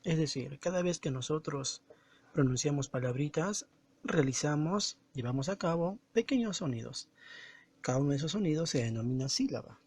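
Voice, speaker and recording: A male teacher giving a slow, didactic recorded lesson, stressing words and syllables as he explains them. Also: fairly high pitch, lively intonation, a little mellow, husky, dry recording.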